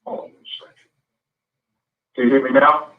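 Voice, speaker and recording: A man's voice: mid-range voice, little pitch movement, moderate pace. A man calling in as a guest on speakerphone, sounding faint and far away, talking loosely with lots of fillers. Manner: loose, filler-heavy talk. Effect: faint, faraway speakerphone sound. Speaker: guest boxing commentator. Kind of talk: casual call-in chat. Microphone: phone on speakerphone. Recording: echoey, distant, dull remote call.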